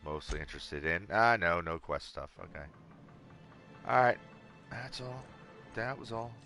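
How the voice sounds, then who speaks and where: A man's voice: deep voice, lively intonation, a little slow, over music. A man giving casual let's play commentary, with wry, joking asides to the game's characters.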